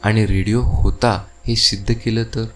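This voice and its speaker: A man reading the part of a quarrelsome, sharp-tongued housewife who snaps back at her neighbours. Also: fairly low pitch, level tone, a little slow, soft background music. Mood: indignant.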